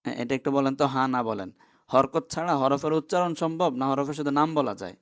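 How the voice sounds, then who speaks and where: A man's voice: mid-range voice, expressive, quick pace. A man teaching an online class, who explains step by step and keeps asking his students questions.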